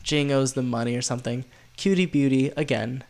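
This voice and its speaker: A man with a nasal, stuffed-up voice from being sick, chatting casually through a tier list in a rambling, excitable way. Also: mid-range voice, fairly quick, creaky. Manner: rambling, filler-heavy, easily excited. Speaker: video host.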